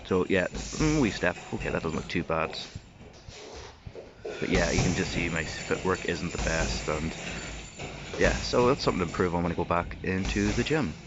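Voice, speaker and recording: A vlogger does voice-over commentary with dry, self-mocking humor, his deep, husky voice moving at normal speed. The voice-over sounds dull and lo-fi, with noise.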